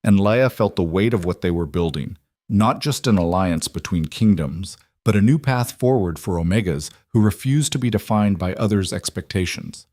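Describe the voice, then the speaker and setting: A man narrating a romance story in a steady, scripted audiobook reading. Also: sits low, moderate pace, no room sound, studio quality.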